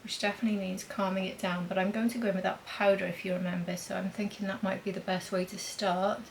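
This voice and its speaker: A woman's voice: medium pitch, flat delivery, fast talker, vocal fry, slight background noise, rough recording. A woman demonstrating makeup in a chatty vlog, thinking aloud as she applies blush and powder. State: talking with a mint in her mouth. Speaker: beauty vlogger.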